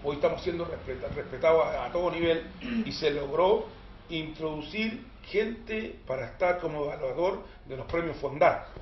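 A high-pitched Chilean man hosting a talk show, telling stories with emphatic, joking energy. The sound is dull and echoey, with faint room noise underneath. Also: moderate pace. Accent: Chilean Spanish. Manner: animated, emphatic storyteller with jokes. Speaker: host. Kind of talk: casual studio chat.

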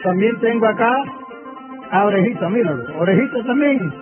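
A man's voice: sits high, lively intonation, moderate pace. A very old man in his nineties talking eagerly and repetitively in a spontaneous live interview. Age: 90s. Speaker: interviewed amateur inventor. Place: room at home, indoors. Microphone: reporter's handheld microphone. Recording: tinny phone-like live feed, music behind.

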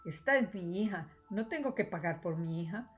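A woman's voice: on the low side, lively intonation, normal speed, soft background music, lightly acted. A woman voicing a stern but loving father in a storybook read-aloud, speaking firmly and scolding. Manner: firm, scolding.

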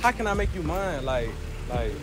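Young guy hosting a street interview on campus, high voice, hyped slang, music under it. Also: big pitch swings, normal speed. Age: young adult. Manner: hyped, slangy, keeps repeating "you know what I'm saying". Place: outdoor college campus parking lot. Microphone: handheld camera at arm's length.

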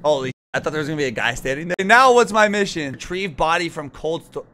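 A young man live streaming a horror game, giving excitable, scared, jumpy commentary and griping as he plays. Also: a little high, fast. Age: young adult.

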